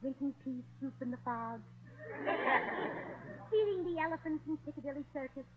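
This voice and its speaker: A woman's voice: high voice, animated, unhurried, heavy background noise. A woman playing a scatterbrained American wife who fakes a posh English manner, with chirpy muddled slang in 1940s radio comedy style. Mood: giddy. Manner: chirpy, muddled fake English with blimey and governor.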